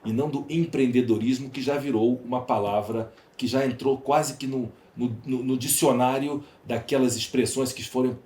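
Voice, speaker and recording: A man with a Brazilian accent speaks as a podcast guest, giving emphatic conversational answers and repeating phrases for stress. His mid-range, slightly mellow voice keeps fairly even intonation at a moderate pace with hardly any pauses. The recording has a roomy echo and clear background noise.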